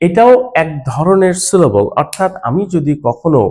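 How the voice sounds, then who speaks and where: A man's voice: on the high side, lively intonation, moderate pace, a little mellow. A man teaching an English phonics lesson, patiently explaining and spelling out words letter by letter.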